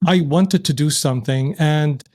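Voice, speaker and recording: A Syrian entrepreneur, a man, appears as a guest on a podcast in a casual interview. His voice is a little high and a little mellow, moving at a measured pace. He speaks reflectively and thoughtfully, often restarting his sentences.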